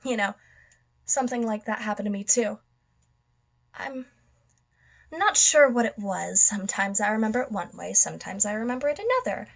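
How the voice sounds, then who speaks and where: A woman playing a mad, bitterly mocking villain in a theatrical dramatic monologue, stretching words and dropping suddenly into hushed tones. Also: medium pitch, animated, moderate pace, gravelly, pauses often. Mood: manic, bitter.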